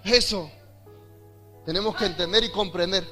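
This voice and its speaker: Animated Argentine man preaching loudly. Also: sits high, moderate pace, soft background music. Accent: Argentine Spanish. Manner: animated, often rising to loud emphatic preaching. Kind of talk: sermon with personal testimony.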